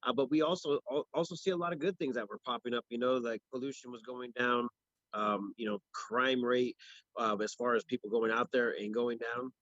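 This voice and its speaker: A man's voice: medium pitch, fairly even intonation, a little fast, fairly bright tone, dry recording, lo-fi sound. A man co-hosting a local news livestream, chatting casually off the cuff with many restarts and fillers. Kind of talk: casual ad-libbed chat.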